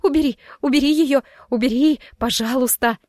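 A woman voicing a proud young healer, sharp-tongued and easily flustered. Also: fairly high pitch, lively intonation, moderate pace, dry recording, studio quality, close to an everyday voice. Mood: panicked.

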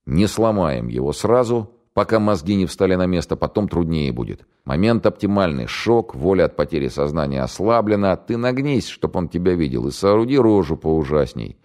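A man's voice: low-pitched, sing-song, normal speed, few pauses, a little mellow. A man voicing a shrewd, ironic senior security officer who barks clipped orders. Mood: dry ironic.

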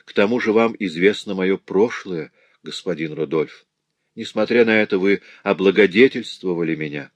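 A man voicing a timid young girl ashamed of her past, speaking in a hushed, fearful way. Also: low-pitched, normal speed, dry recording, highs cut off.

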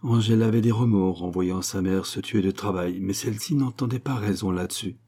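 A male audiobook narrator reading a classic novel in scripted literary narration. His voice is low and dark, with a husky texture, and his reading stays measured and even.

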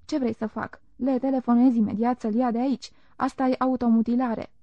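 A woman reading the lines of an exhausted, hoarse male chief army surgeon, curt and gruff. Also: on the high side, steady tone, no echo, lightly acted. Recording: dull lo-fi recording.

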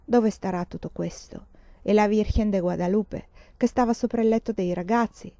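Woman reading as a rich older lady, indignant, lamenting, dark mellow voice. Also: medium pitch, normal speed, no room sound, highs cut off, close to an everyday voice. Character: wealthy older woman, indignant, clinging to old ways.

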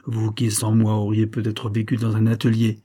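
A man's voice: lowish voice, monotone, moderate pace, dark tone, natural voice. A male reader voicing a cold, scheming middle-aged major in an audiobook, menacing but controlled. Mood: furious. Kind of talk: audiobook character reading.

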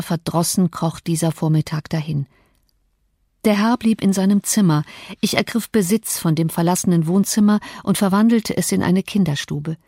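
A woman reading a classic novel as an audiobook in calm, measured narration. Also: fairly low pitch, no room sound, studio quality. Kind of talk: scripted narration.

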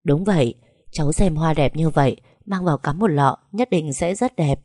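A woman's voice: sits low, normal speed, a little mellow, no echo, studio quality. A woman voicing a doting, fierce grandmother over eighty, who fusses and scolds. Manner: fussing, scolding.

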